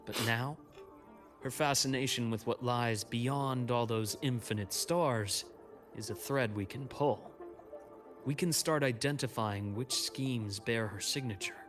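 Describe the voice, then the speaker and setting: An actor playing a calm, secretive male informant in a video game, delivering grave, deliberate exposition. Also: medium pitch, faint music behind, close to an everyday voice.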